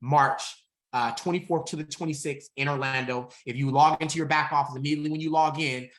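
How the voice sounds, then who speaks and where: A man mentoring a group over a call, driving his points home with fast, rallying bursts. His delivery is preachy and fired up, swinging between quiet urging and loud exhortation. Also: a little high, fairly even intonation. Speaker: mentor speaker. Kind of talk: motivational talk on a group call.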